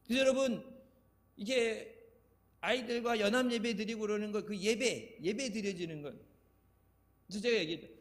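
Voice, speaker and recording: An older male pastor delivers a sermon in a chatty, storytelling way and chuckles at his own anecdotes. His voice sits high for a man. The sanctuary's long reverb trails after every phrase. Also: normal speed, long pauses. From Chungcheong, Korea. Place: church sanctuary. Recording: echoey church hall reverb.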